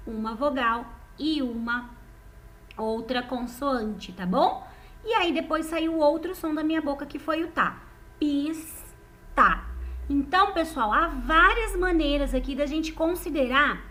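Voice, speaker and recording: High-pitched woman teacher, patient and unhurried, repeats words and quizzes young kids. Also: fairly bright tone. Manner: patient, repeats words slowly and asks the class questions. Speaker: primary school teacher. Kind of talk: online lesson explaining exercises to children.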